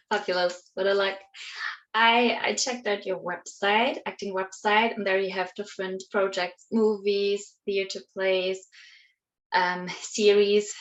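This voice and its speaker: Woman host, cheerful and encouraging, slightly muffled recording. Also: mid-range voice. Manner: upbeat, encouraging, some hesitations. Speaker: interview host. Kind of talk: online interview show.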